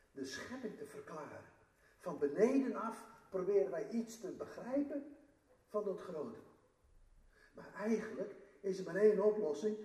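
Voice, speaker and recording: Male preacher, earnest and emphatic, in an echoey hall, warm high voice. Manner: earnest, rising to emphatic declarations. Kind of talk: sermon. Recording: echoey room, mic at a distance.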